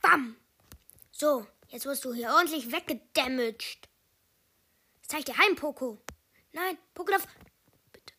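High-pitched woman, live gameplay commentary, excitable shouts, whispered asides, gamer slang. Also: unhurried, pauses often. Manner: excitable, bursts into loud exclamations, mixes in English gamer slang. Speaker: gaming video host.

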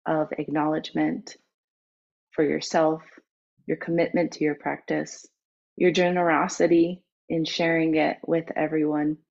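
Woman, yoga teacher, slow soothing guidance, slightly low pitch, lo-fi sound. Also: vocal fry. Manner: slow, soothing, gentle instructions. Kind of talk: guided yoga cool-down. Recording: dull lo-fi with faint music. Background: soft background music.

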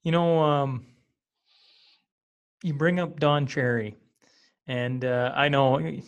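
A man's voice: medium pitch, fairly even intonation, takes it slowly. A man from small-town Western Canada hosting an interview, asking loose, rambling questions. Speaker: interview host. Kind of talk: casual interview.

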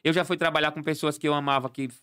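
A man, a clown and party entertainer, telling animated stories as a podcast guest and acting out the dialogue. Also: a little high, fast, clean tone, no echo, clean studio sound. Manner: animated storyteller acting out dialogue, laughing often.

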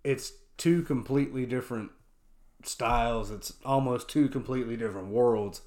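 A man's voice: mid-range voice, normal speed, a little mellow, echoey room. A man in casual podcast chat who rambles and repeats himself, saying "you know" often. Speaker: podcast co-host.

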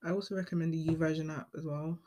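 Late-teen woman, relaxed solo podcaster, chatty and meandering, corrects herself often. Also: low voice, quick pace. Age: late teens. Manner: chatty, rambling, many ums and self-corrections. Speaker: podcast host. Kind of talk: casual solo podcast monologue.

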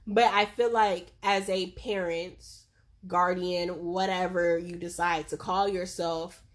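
A young adult woman co-hosting a casual podcast chat, speaking in a measured, thoughtful way. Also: on the low side, steady tone. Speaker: podcast co-host.

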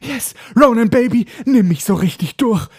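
A man's voice: extremely high pitch, lively intonation, normal speed, a little mellow, breathy edge, no echo, studio quality, voice pushed up, exaggerated voice. A man voicing a teenage girl who gushes breathlessly over a centaur, played as mockery. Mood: swooning. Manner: breathless, gushing, mocking.

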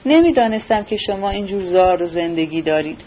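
A woman reading the lines of a gentle, absent-minded young prince who speaks firmly but politely, in a storybook reading on a dull recording. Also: on the low side, animated.

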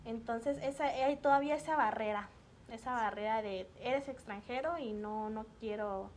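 Mexican woman, lively storyteller. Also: a little high, normal speed, slight background noise. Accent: Mexican Spanish. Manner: animated storytelling, acts out quoted dialogue. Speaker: guest. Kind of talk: casual podcast chat.

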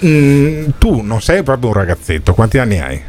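Male phone-in host, mid-pitched and highly expressive, insistent, repetitive, provocative live banter. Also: normal speed. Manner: needling, repeats questions insistently. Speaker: radio morning show host. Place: radio studio.

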